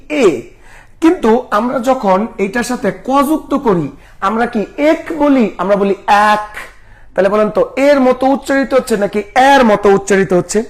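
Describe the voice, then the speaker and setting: A young man teaching a live online class, asking the same questions again and again. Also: high-pitched. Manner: repetitive questioning.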